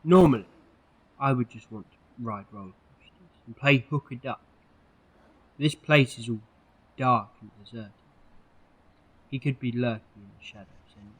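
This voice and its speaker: A man's voice: medium pitch, moderate pace, pauses often, husky, natural voice, low-quality recording. A man playing an eccentric, protective time-travelling hero in an amateur audio drama, earnest and theatrical in delivery. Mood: wary.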